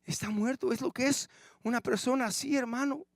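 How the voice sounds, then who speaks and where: A man with a high-pitched voice preaching a sermon, heard close and dry with little room sound. He keeps turning to the congregation with rhetorical questions and calls them brother. He swings between loud, emphatic declarations and hushed, low asides. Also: steady tone, brisk, no room sound. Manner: addresses listeners as brother, frequent rhetorical questions. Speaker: pastor.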